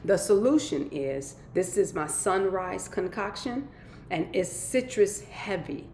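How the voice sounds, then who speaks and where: A woman's voice: animated, slow, a little mellow. A woman hosting a live stream in casual, upbeat chat, a little nasal and congested, repeating her catchphrases. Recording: echoey room, faint rumble.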